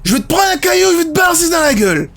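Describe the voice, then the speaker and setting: A man squawks as a furious old geezer, pitched far above his own voice, yelling threats and scolding. The voice is comic and shrill. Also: sing-song, racing, heavily acted. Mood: outraged.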